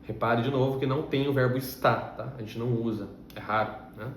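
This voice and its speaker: A man's voice: mid-range voice, fairly even intonation, fairly quick. A man from Russia, a native Russian speaker, teaching a language lesson with patient, step-by-step explanations and frequent check-in questions. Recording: roomy echo with faint background hum.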